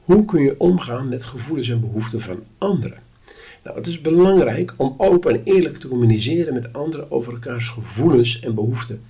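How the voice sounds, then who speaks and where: Guy teaching a lesson, calm and measured, kinda husky voice. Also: medium pitch, soft background music. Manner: calm, instructive, measured delivery. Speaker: course teacher. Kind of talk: spoken lesson.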